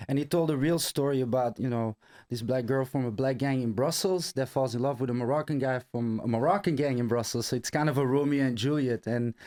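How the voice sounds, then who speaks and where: A man from Belgium, a film director, is a guest in a casual interview. He tells stories in a lively way at a mid pitch, and laughter often slips into his speech. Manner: animated storyteller, laughs often.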